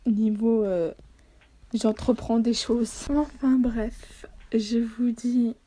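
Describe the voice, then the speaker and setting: A woman's voice: on the high side, steady tone, extremely slow, dark tone, husky. A woman vlogger talking casually over a study-with-me video, self-deprecating and hesitant, with many fillers.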